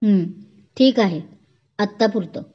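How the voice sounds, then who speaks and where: A woman's voice: mid-range voice, a little slow, natural voice. A woman voicing a caring young male doctor. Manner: tender, mock-scolding. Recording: dull lo-fi recording.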